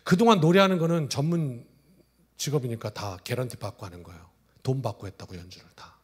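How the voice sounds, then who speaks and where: A male pastor in his forties preaching a sermon, telling stories, swinging from loud exclamations to hushed asides. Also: mid-range voice, a little fast, breathy edge. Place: church sanctuary.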